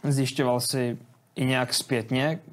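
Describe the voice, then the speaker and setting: A man's voice: mid-range voice, flat delivery. A male interviewer asking brief questions that prompt his guest.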